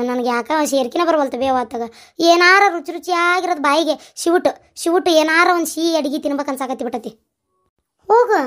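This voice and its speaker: A woman with a North Karnataka accent performing a village family comedy sketch, bickering in a lively, animated way. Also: very high voice. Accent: North Karnataka Kannada. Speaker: comedy vlogger.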